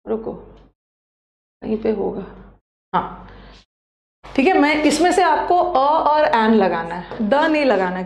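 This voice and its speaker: A woman's voice: a little high, darkish tone, echoey room. A woman teacher giving a chatty, teasing online grammar lesson, spelling sounds out aloud and repeating them.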